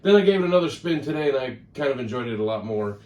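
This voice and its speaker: A man's voice: mid-range voice, expressive, fast talker, darkish tone, lo-fi sound. A man vlogging casually about his record collection, chatty and rambling, often correcting himself. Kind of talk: casual talk to camera. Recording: roomy sound, mic at a distance.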